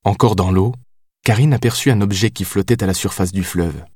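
Male audiobook narrator, low voice, measured and steady, in a dry close room. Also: husky, no echo.

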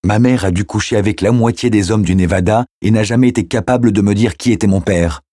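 A man's voice: lowish voice, fast, warm tone, no room sound, clean studio sound, pitched above the performer's own voice, lightly acted. A man voicing a stubborn, wounded widower who insists in a raised voice. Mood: bitter, confessing.

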